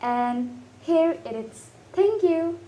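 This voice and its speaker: A young woman giving a student presentation, slowly sounding out each example vowel twice. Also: very high voice, lively intonation, dark tone. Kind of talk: classroom presentation.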